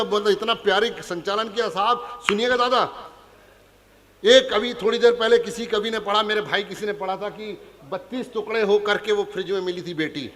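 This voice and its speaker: A man's voice: sits high, a bit bright, big-room sound. A man with a Punjabi accent, a comic poet on stage, teasing and chatting with a live audience. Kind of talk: stand-up comic poetry recital. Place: large hall before a live audience.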